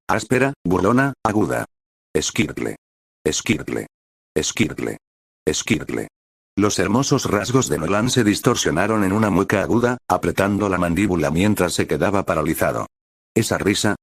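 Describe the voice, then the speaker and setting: A man reading a dramatic story aloud as a steady narrator. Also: deep voice, dry recording, clean studio sound. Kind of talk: scripted audiobook narration.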